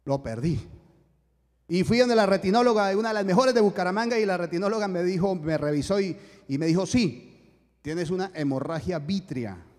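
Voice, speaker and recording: A man's voice: high voice, expressive, fairly quick, darkish tone, big-room sound. A man preaching a sermon, telling a personal story and acting out the dialogue, with emphatic rhetorical questions.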